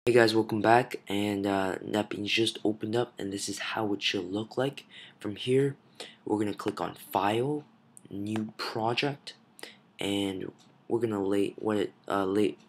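A young man with a sick, hoarse voice hosting a casual programming tutorial, filling his talk with ums and uhs. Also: fairly low pitch, fairly even intonation, a little slow. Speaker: tutorial host. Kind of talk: screen-recorded programming tutorial.

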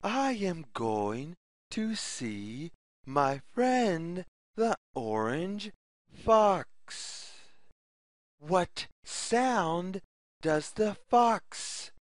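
Reading extremely slowly, a children's storyteller sets each phrase apart, delivering a simple picture book word by word for young listeners. Her sing-song pitch swings widely, especially on questions, and the dry, close sound carries no room tone.

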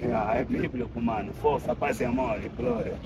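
A man's voice: mid-range voice, moderate pace. A man with a Luanda Angolan accent, chatting as a local guide in a declamatory, slogan-like way. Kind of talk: casual chat showing the view. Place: outdoors in an unfinished building and on its roof. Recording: noisy open-air recording.

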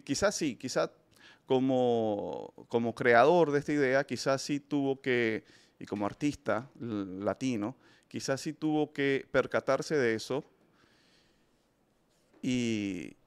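A man hosting a film review show, giving opinionated casual commentary and speaking emphatically to his listeners, often restarting his sentences. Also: medium pitch. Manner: emphatic, addresses listeners directly, frequent restarts.

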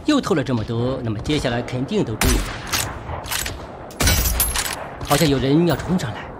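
Animated fast-talking man over loud gunfire. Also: medium pitch, heavy background noise. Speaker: gaming video host. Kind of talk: gameplay commentary. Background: loud gunfire and clicks from a shooter game.

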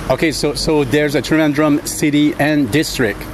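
A man's voice: on the high side, normal speed. A middle-aged man, a travel vlogger, chatting casually to the camera with many fillers and restarts, filmed at arm's length outdoors. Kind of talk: casual travel vlog chat. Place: outdoors on busy city streets and jungle trails. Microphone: camera held at arm's length. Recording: loud street traffic noise.

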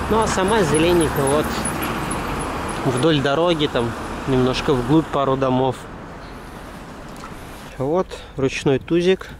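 Man commentating over loud wind noise. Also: fairly high pitch. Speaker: sailing vlogger. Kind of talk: casual running commentary while filming. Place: outdoors, mostly on a sailing boat deck. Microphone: handheld camera microphone. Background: wind, water and boat noise.

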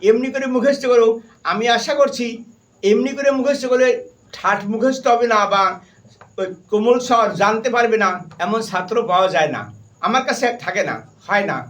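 A man with a Bengali accent teaches a harmonium and keyboard class, his very high, slightly bright voice at normal speed and caught on a distant mic. He firmly repeats points and sternly reminds students. Over his keyboard playing, he names and sings the note syllables.

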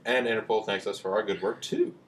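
A man's voice: on the low side, steady tone, quick pace, a little hiss or hum. A young man co-hosting a let's play, making teasing jokes and goofy asides in casual chat.

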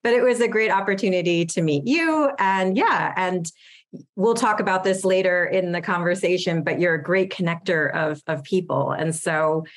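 A woman hosting an interview show, speaking in a friendly, measured way. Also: on the low side. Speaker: podcast host. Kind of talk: interview and scripted intro.

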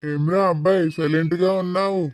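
Cartoon father-in-law voiced by a man: kind, soothing, a touch high. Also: steady tone, fairly quick, lightly acted. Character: kindly older father-in-law.

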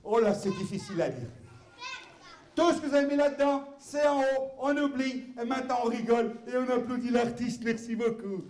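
A man's voice: extremely high pitch, fairly quick, a little mellow. A man performing as a clown for a children's audience, playful and exaggerated, full of cries and banter with the crowd. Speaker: clown entertainer. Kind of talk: live clown show for children. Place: hall with a live audience. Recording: echoey hall, noisy crowd. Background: children's audience, clapping and chatter.

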